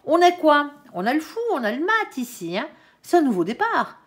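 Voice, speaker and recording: Lively woman reading tarot. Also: high voice, moderate pace. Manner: frequent tag "hein", conversational and reassuring; stumbles over words. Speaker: tarot card reader. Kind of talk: tarot reading addressed to viewers.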